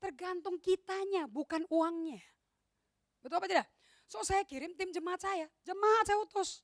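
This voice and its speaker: A woman's voice: very high-pitched, moderate pace, no room sound, clean studio sound. A middle-aged woman pastor, preaching a sermon in an emphatic way and slipping English phrases into her talk. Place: church hall.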